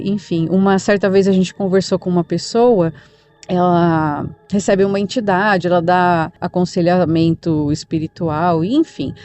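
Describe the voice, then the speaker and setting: A woman with a Brazilian accent retells a listener's supernatural experience as a podcast narrator. She speaks in a calm, conversational manner with everyday fillers, her voice mellow and soft-edged. The sound is dry and close. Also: medium pitch, dry recording.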